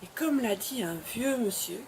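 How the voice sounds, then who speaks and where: A woman's voice: on the high side, expressive, normal speed, darkish tone, a little hiss or hum. A woman hosting her web show, speaking to camera in an encouraging, emphatic way and often repeating phrases. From Belgium. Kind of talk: motivational address to camera.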